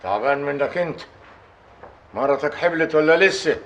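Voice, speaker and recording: A stubborn bedridden old chief. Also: male voice, a little high, lively intonation, moderate pace, a bit bright. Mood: scolding. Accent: Upper Egyptian. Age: older. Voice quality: commanding, scolding. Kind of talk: period TV drama acting.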